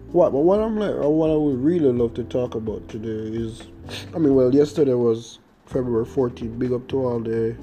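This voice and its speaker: Over background guitar music, a young man with a Jamaican accent hosts his own podcast, wandering through a casual story with plenty of fillers, hesitations and restarts. He speaks in a warm, mid-range voice.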